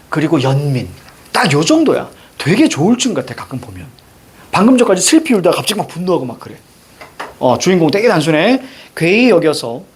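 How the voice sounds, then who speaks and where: A male teacher giving a brisk literature lecture, directing students and firing quick questions at them. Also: sits high, breathy edge. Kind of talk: classroom lecture.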